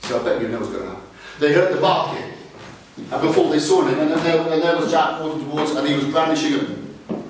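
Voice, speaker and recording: A man's voice: on the high side, quick pace. A man from Wales telling a folk tale live to an audience, with playful asides. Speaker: storyteller. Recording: echoey room from far off, noisy.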